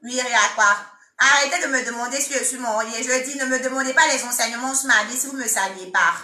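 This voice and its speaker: A woman with an Ivorian French accent talks on a live stream, teasing her commenters and scolding them in jest. Her voice is very bright and sharp and sits a little high. The sound comes from an echoey room. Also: fairly quick. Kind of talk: casual live-stream chat.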